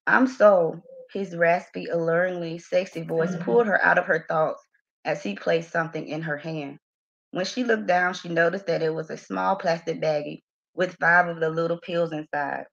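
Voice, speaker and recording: A woman's voice: lowish voice, gravelly. Woman reading her novel aloud, muffled. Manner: expressive reading with laughing asides to a live audience.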